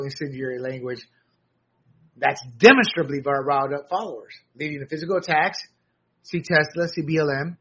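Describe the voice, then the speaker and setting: A man hosting a political commentary monologue, combative and sarcastic, pushing into shouts on his points. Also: fairly high pitch, husky. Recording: dull lo-fi audio.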